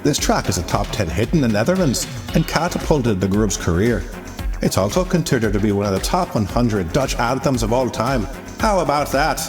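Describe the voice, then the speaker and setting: A man voicing a chatty male robot chart host who puts on a deliberately bad Irish accent. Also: mid-range voice, sing-song, over music, natural voice. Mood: upbeat. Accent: put-on Irish.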